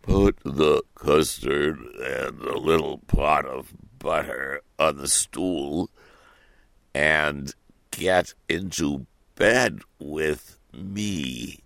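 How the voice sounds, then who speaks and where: A man voicing a big, wicked, hungry wolf in a storybook reading, sly and measured. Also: a bass voice, creaky, a bit bright, dry recording, exaggerated voice.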